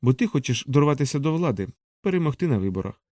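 A man reading as a clever young girl who calmly and firmly stands up to her brother. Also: medium pitch, quick pace, no room sound, clean studio sound.

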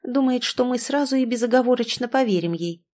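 A woman's voice: on the high side, fairly quick, a little mellow, voice pushed up, lightly acted. A woman reading a storybook voices a hot-tempered young woman who speaks curtly and hisses with scorn. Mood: scornful. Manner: curt, hissing, defiant. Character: fiery young woman, sharp, defiant.

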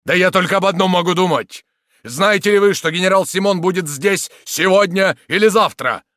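A man voicing a hot-tempered old soldier in an audiobook, speaking louder and a bit higher than his narration. He is blunt and forceful, with a lively rise and fall. The recording is dry. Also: moderate pace, no room sound. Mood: furious. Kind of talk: audiobook character reading.

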